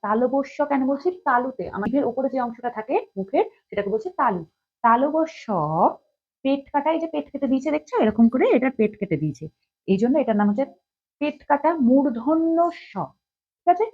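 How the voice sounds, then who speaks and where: A woman teaching a class the alphabet, reciting each letter slowly and checking in with the students as she goes. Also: sits high, expressive, breathy edge. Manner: slow, drawn-out recitation with check-ins to the class. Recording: dull lo-fi sound.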